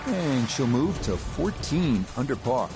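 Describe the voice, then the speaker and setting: A man giving measured, descriptive play-by-play golf commentary as an announcer. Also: mid-range voice, sing-song, over music.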